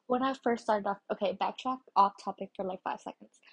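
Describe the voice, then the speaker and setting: Stoned, husky-voiced woman podcaster. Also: medium pitch, brisk. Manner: stoned, giggly and scattered, losing her thread. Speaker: podcast host. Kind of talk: casual solo podcast talk.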